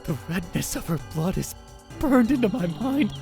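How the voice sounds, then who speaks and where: This husky-voiced man is the narrator and lead in a fan dub, voicing a young male student rattled by a murder in a visual novel. His delivery is high-pitched with big swings, dark in tone, at normal speed and heavily acted over soft background music. The tense first-person inner monologue frequently falls to a whisper.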